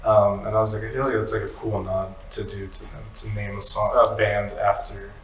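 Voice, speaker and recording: A young man, a musician guest born in the United States to Mexican parents, talking in a relaxed, halting way with many "like"s and "um"s. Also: lowish voice, recorded from a distance. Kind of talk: casual interview chat. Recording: echoey room, off-mic, faint hiss.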